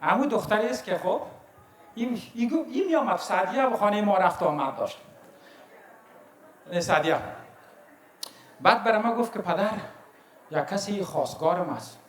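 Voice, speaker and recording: A man's voice: sits high, animated, roomy sound, poor audio. A middle-aged man from Afghanistan with an Afghan Dari accent, the bride's father telling fond, chuckling anecdotes in a wedding speech. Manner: warm anecdotal storytelling with chuckles and pauses.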